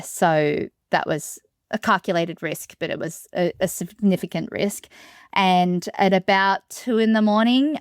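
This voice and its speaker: Smooth-voiced woman calmly recounting. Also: on the low side, no echo, clean studio sound. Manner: steady, matter-of-fact storytelling. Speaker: solo sailor guest. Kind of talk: recounting an ordeal in an interview.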